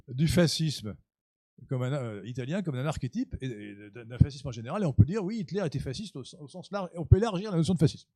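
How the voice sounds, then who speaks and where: A man hosting a conversational radio interview, talking haltingly with many fillers and restarts and turning emphatic when he argues a point. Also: fairly high pitch, dark tone, no room sound, clean studio sound. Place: radio studio.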